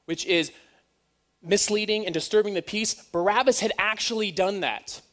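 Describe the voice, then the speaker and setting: High-voiced man preaching a sermon. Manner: animated storytelling with joking asides.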